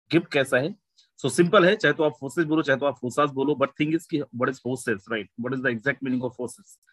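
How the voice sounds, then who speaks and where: A man's voice: medium pitch, a bit bright, no echo, rough recording. A man presenting a sales webinar in Hindi mixed with English, speaking in an Indian English accent and addressing the audience as friends.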